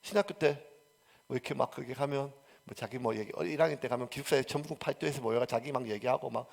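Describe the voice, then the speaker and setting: A male pastor from South Korea, preaching a sermon that swings from loud emphasis to near-whispered asides. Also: mid-range voice, fast talker, creaky.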